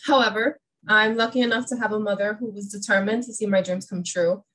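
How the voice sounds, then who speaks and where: A woman from New York presents in an online webinar, upbeat and personal. She speaks over a video call mic at a middle pitch. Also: fairly even intonation, fairly quick, a bit bright, rough recording. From New York, USA.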